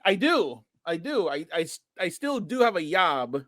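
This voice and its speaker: A man's voice: sits high, sing-song, fairly bright tone. A man hosting a casual trading podcast, joking and laughing often as he chats with his co-host. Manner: laughs a lot, quick joking delivery. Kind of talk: casual banter on a trading show.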